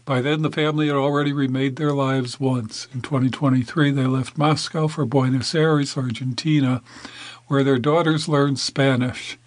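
A man reading a news article in a measured, even scripted narration, with the odd small slip. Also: medium pitch, dry recording.

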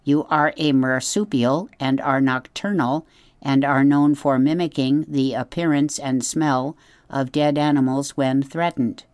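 A stiff, literal-minded robot, as a woman puts it on, speaking in formal, flat phrases. The voice sits low, and the recording is dry and close. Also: unhurried, no echo.

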